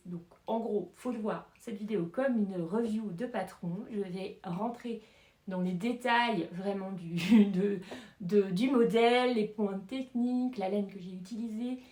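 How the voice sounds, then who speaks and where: A woman's voice: medium pitch, a little mellow. Chatty woman in an echoey room. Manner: chatty, hesitant, many fillers and little laughs. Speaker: knitting vlogger. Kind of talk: casual knitting pattern review.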